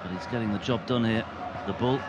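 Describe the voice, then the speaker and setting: A man giving live darts commentary as lead commentator, in measured, descriptive phrases. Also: fairly low pitch, muffled recording. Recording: loud crowd and venue noise. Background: noisy darts crowd.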